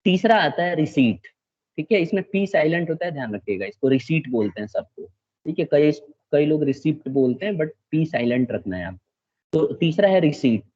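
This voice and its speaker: A man's voice: on the high side, sing-song, normal speed, darkish tone, highs cut off. A male teacher giving a classroom lecture, explaining step by step, often checking that the students follow and mixing English terms into his speech.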